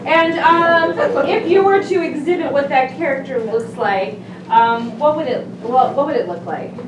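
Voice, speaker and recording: A woman's voice: high-pitched, normal speed. A woman hosting a live improv show, chatty and laughing as she coaxes suggestions from the audience. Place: small theater stage. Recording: far, echoey room with crowd noise.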